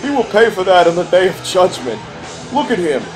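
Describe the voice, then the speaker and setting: An older man provides comic narration over videos with a high, brisk voice full of big pitch swings. As a comic commentator, he's grumpy and folksy, complaining with dry exaggeration, and music plays behind his voice.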